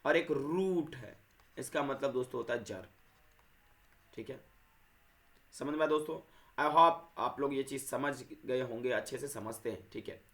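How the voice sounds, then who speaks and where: A man's voice: medium pitch, moderate pace, pauses often. A man teaching vocabulary and grammar to viewers, repeating himself and correcting his own slips. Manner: repetitive, addresses viewers as friends; corrects himself mid-sentence.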